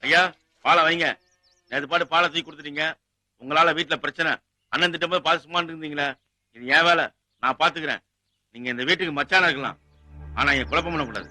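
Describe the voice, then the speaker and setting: An actor playing a farmhand who bluntly reproaches the family. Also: male voice, fairly high pitch, fairly even intonation, fast, pauses often, pushed and bright. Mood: reproachful.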